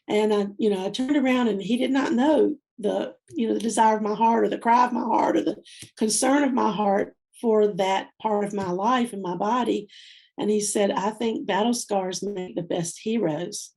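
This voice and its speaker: Gravelly-voiced woman telling a heartfelt story. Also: medium pitch. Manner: heartfelt, softens and slows at tender moments. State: teary-eyed. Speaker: guest speaker. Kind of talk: personal storytelling in an interview.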